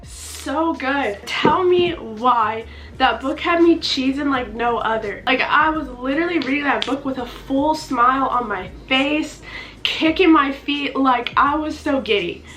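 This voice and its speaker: A nineteen-year-old book vlogger chats to camera in a bubbly, gushing way, her voice high, a bit bright, and congested or stuffy. She speaks a little slowly, with faint music behind her and poor audio.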